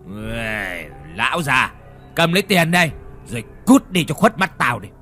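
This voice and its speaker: A man's voice: medium pitch, big pitch swings, a little slow, pushed and bright, faint music behind, exaggerated voice. A man voicing a cruel, drunken young master who snarls threats and insults. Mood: contemptuous.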